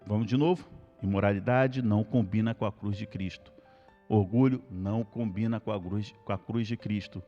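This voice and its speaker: A male Brazilian pastor giving an earnest Bible study sermon, repeating key points slowly and calling out to the congregation. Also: lowish voice, fairly even intonation, dark tone, big-room sound, lo-fi sound, soft background music. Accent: Brazilian Portuguese.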